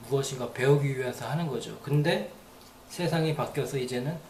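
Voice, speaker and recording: A man's voice: mid-range voice, a little fast, a little mellow, echoey room, slight background noise. A man giving a casual, rambling spoken lesson, repeating phrases aloud to demonstrate them. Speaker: English teacher.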